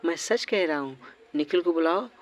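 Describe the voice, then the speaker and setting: A man's voice: fairly high pitch, animated, normal speed, natural voice. A man voicing a proud, poor village father. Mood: caring. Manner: loud, earnest, gentle to his daughter.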